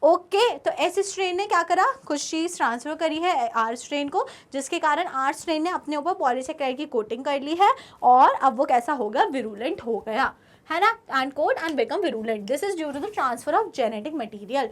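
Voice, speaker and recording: A woman's voice: sits high, animated, moderate pace. A young woman teacher giving an online class lecture. She keeps asking her students questions and then answers them herself.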